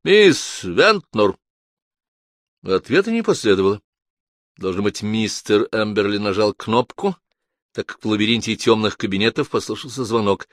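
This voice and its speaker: Low-voiced man narrating an audiobook. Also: expressive, a little fast, no room sound, studio quality.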